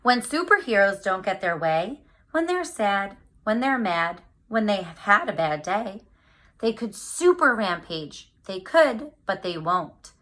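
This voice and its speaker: A woman reads a picture book to young children at a measured pace, her voice very bright and forward at a medium pitch. She speaks to her listeners directly, leaning on key words and stretching them out with animated storyteller expression.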